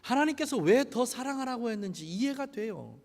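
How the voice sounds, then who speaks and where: High, lively male preacher in a reverberant church. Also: moderate pace, vocal fry. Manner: animated preaching, rhetorical questions to the congregation. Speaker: pastor. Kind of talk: sermon. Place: church sanctuary. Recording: long church hall reverb.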